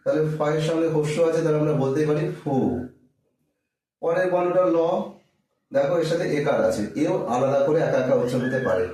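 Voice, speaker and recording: Guy teaching kids to sound out words, kinda high voice, super echoey room, sounds far from the mic. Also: dark tone. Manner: patient, repeats syllables slowly, asks and answers own questions. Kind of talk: children's reading lesson.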